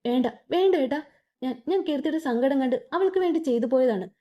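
A woman's voice: high-pitched, lively intonation, a little fast, dark tone. Woman doing a sobbing, stammering young woman. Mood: begging.

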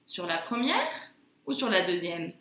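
Woman, phonics teacher for young kids, drawn-out careful words, animated pitch, echoey room. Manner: slow, careful, drawn-out word pronunciation. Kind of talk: phonics lesson for young children.

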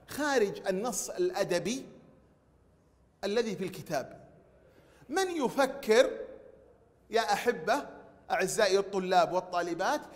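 High-voiced teacher in echoey hall. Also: male voice. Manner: slow drawn-out pronunciation drills with praise. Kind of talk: recorded online lesson. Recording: long hall reverb.

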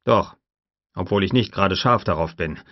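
A man reading an audiobook plays a steady, determined male scientist in a firm, matter-of-fact manner. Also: deep voice, moderate pace, no echo, highs cut off. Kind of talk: audiobook character voice.

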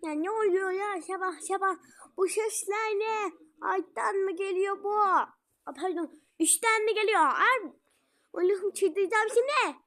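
Woman voicing a teen daughter, toy-game role-play, very high voice, whiny, complaining, slow. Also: fairly bright tone. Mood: annoyed. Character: fed-up teenage daughter, girl.

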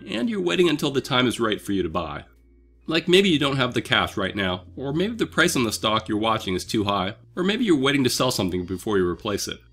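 Slightly sick and sounding a bit off, a man presents a dividend investing channel's scripted explainer, keeping it upbeat and conversational as he goes step by step. His pitch is medium and his tone fairly bright.

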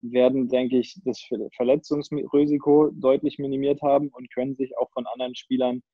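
Talking fairly quickly with a flat delivery and medium pitch, this young man is a handball player from northern Germany, near Kiel, appearing as an interview guest. He speaks casually over a video call on earbuds, thinking aloud with fillers and restarts. The sound is dry and lo-fi.

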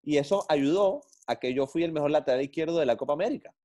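A middle-aged man, a former footballer telling blunt, animated stories in an interview. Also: on the high side, fast. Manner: blunt, animated storyteller with slang. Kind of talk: interview storytelling.

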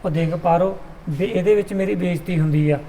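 A man's voice: high-pitched, brisk, dark tone. A man with a Punjabi accent acting in a village drama, coaxing and placating a brother.

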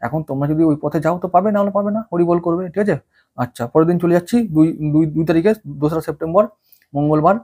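A man's voice: a little high, racing, warm tone. A man giving a casual, folksy weekly horoscope talk as an astrologer, full of rhetorical questions.

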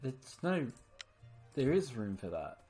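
A woman streaming an online game, swearing constantly and yelling in frustration at other players. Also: very deep voice, big pitch swings, slow, soft background music. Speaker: gaming streamer. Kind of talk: live commentary while playing an online game.

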